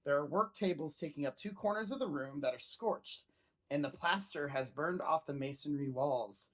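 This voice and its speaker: This is a game master running a tabletop fantasy game. The speech is mid-pitched, improvised narration mixed with casual asides to the players. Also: moderate pace, a bit bright.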